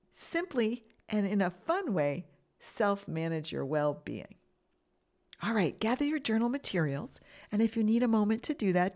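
A woman hosting a children's mindfulness podcast, giving simple, encouraging guided instructions. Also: medium pitch. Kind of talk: guided mindfulness lesson with breathing exercises.

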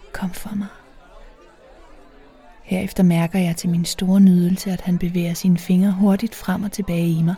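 Soft-spoken woman reading an erotic story. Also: lowish voice. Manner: soft, intimate, often slipping into a whisper. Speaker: narrator.

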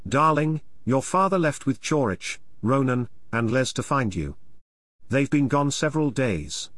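A man doing a soft-spoken, hushed mother. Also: mid-range voice, sing-song, unhurried, dry recording, clean studio sound. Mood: comforting. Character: anxious, loving middle-aged mother.

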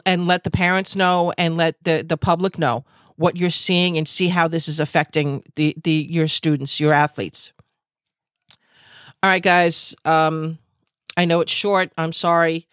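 Angry woman host with a low voice. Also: fairly bright tone, clear, resonant tone, no room sound, clean studio sound. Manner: angry, emphatic, repetitive, with many fillers. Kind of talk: impassioned monologue. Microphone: video call.

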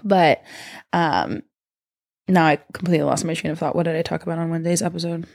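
Woman, podcast host, slightly low pitch, casual and rambling, slangy, playfully affectionate, close dry sound. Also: fairly even intonation, fast, gravelly, a little mellow, no echo. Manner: affectionate, playful, addresses listeners as babe and baby; informal, slangy, self-interrupting.

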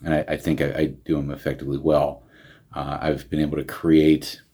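A man's voice: a bass voice, flat delivery, brisk, warm tone, breathy edge. A man, a county veterans service director, talking earnestly in an interview with frequent restarts. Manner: earnest, many restarts and fillers. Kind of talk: casual interview talk.

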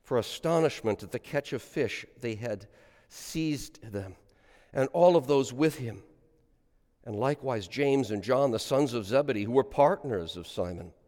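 A middle-aged priest with a medium-pitched voice reads the gospel and preaches a homily in a lively, sing-song style that rises on quoted lines. The large church around him gives a long cathedral echo.

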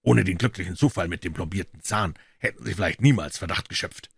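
A man voicing a confident, impatient male detective explaining his reasoning briskly. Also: low voice, creaky, husky, no room sound, full character voice.

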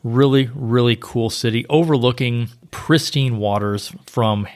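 A man's voice: mid-range voice, fairly even intonation, measured pace. A man co-hosting a travel podcast, chatting casually and informatively about destinations. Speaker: podcast co-host, travel agent.

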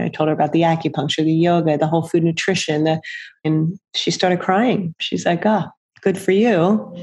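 A woman's voice: on the low side, darkish tone, breathy edge. A middle-aged woman, a nonprofit founder, telling her story in an interview in an earnest, conversational way. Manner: earnest, conversational, with quick restarts.

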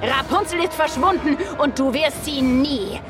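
A woman voicing a spiteful old witch in a storybook reading, talking in a slow, drawn-out, mocking way over background music. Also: high-pitched, pitched above the performer's own voice.

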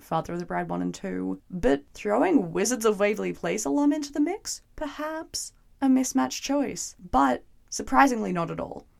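A young woman with a hoarse, gravelly, medium-pitched voice recaps and reviews a TV episode, keeping it chatty, wry and playfully sarcastic.

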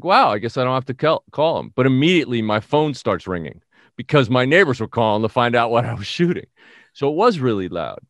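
A middle-aged man from the Bronx, telling a story in an animated, self-mocking way as an interview guest. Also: mid-range voice, no room sound, clean studio sound. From the Bronx, New York. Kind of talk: casual storytelling.

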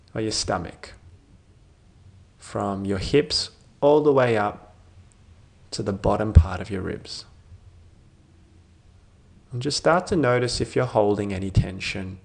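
A man narrating a guided sleep meditation in a soothing sleep-story manner, with gentle phrases that trail off softly and long pauses between them. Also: lowish voice, gravelly.

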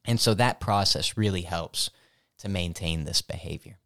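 Male co-host, dog trainer; deeper voice, keen and chatty, dry sound. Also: normal speed, no room sound. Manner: enthusiastic, lively storytelling. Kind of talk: casual explanatory chat.

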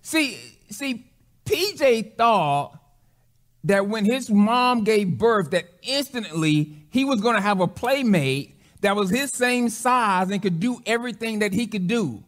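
A man's voice: high-pitched, measured pace, hardly any pauses, a bit bright. A man, a pastor, preaching a sermon in a conversational way, often restarting phrases and acting out quotes.

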